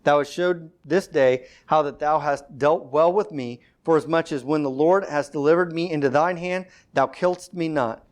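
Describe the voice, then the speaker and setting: A man's voice: fairly high pitch, normal speed, hardly any pauses. A man teaching an informal Bible study, reading scripture aloud and explaining it in a conversational way, with fillers and self-corrections.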